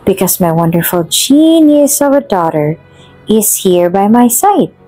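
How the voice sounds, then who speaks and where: A woman voicing a tender, dying mother speaking softly to her daughter. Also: mid-range voice, sing-song, slow pace, dry recording, soft background music. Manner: soft, gentle, loving.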